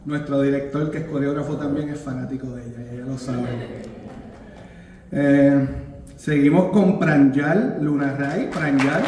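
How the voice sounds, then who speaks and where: A man's voice: medium pitch, steady tone, measured pace, background noise. A Puerto Rican man casually announcing a cast to a live crowd, joking and teasing as he goes, mixing in English words. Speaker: producer presenting a musical's cast. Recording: echoey hall with long reverb.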